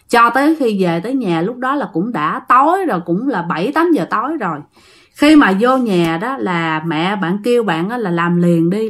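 Woman storyteller, Southern Vietnamese accent, mid-pitched voice; chatty ghost-story host who speaks directly to listeners and drags out repeated words for tension.

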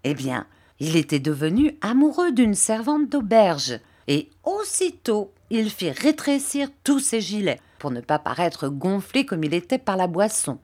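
A fussy, nosy landlady of middle age, motherly and sentimental, pressing her point again and again , as a woman reader puts her on. Her voice swoops up higher and louder than the narration, lively and insistent. An audiobook character read aloud. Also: unhurried. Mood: coaxing. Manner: sentimental, insistent, repeats herself.

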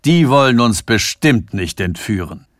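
Brief: male reader voicing a loud, mocking English banker for a radio novella. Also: mid-range voice, sing-song, a little slow, no room sound, clean studio sound. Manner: cackling, scornful.

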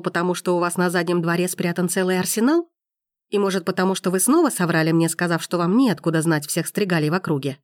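A woman's voice: lowish voice, dry recording, clean studio sound, lightly acted. A woman voicing a fiery, indignant young heroine who hurls heated, accusing exclamations.

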